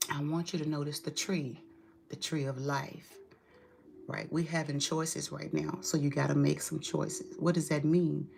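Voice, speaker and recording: A woman's voice: deep voice, vocal fry, a little hiss or hum. A woman giving a tarot reading straight to her client, direct and emphatic, with casual swearing. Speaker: tarot reader.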